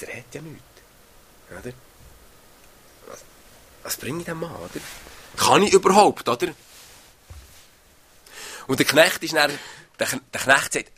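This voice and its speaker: A man with a husky, slightly bright mid-range voice preaches on a Bible passage in a conversational way, frequently ending phrases with a questioning "oder?".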